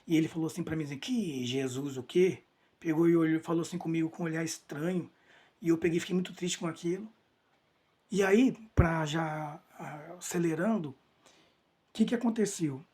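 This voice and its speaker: Husky-voiced man giving an earnest testimony. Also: on the high side, steady tone, a little fast, darkish tone. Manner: earnest, repeats phrases for emphasis, frequent restarts. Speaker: church member giving a testimony. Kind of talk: emotional personal testimony.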